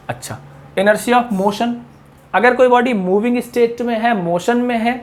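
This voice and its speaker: Chatty male physics teacher. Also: high voice. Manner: chatty, mixes English terms into explanations, asks the class questions. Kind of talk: classroom lecture.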